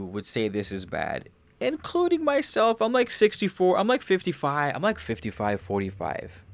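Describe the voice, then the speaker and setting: Speaking at medium pitch, a young man who hosts a podcast livestreams a casual, meandering talk on spirituality. He often begins phrases again, drops casual swearing, and grows animated over the major ideas.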